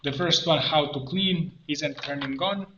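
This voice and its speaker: A guy presents an informal screen-share tutorial, coaching while thinking aloud in a bright, highish voice and halting step by step. The recording has a roomy echo, a muffled band, and background noise, with keyboard typing and mouse clicks behind him.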